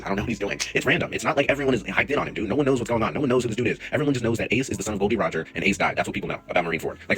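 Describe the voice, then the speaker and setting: A man's voice: on the low side, a bit bright. A young man rambling casually in slang about an anime, talking into a phone he holds, with the clip sped up to double speed. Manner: slangy, rambling, self-interrupting. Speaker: anime commentary vlogger. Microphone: phone held in hand.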